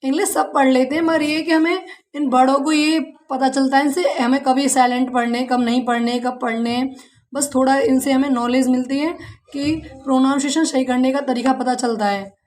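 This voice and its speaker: A woman's voice: high voice, fairly even intonation, moderate pace, darkish tone. A woman with an Indian accent teaching an English lesson in Hindi. She spells words out letter by letter, asks her students questions and calls them "beta" like a mother. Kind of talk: classroom-style language lesson.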